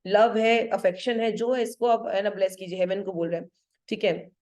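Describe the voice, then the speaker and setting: A woman's voice: medium pitch, steady tone, a little mellow. Hindi-teacher woman explaining a play. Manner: switches between Hindi and English, checks understanding with "ठीक है?"; reads quoted verse lines slowly. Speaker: English literature teacher. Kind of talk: line-by-line lesson explanation.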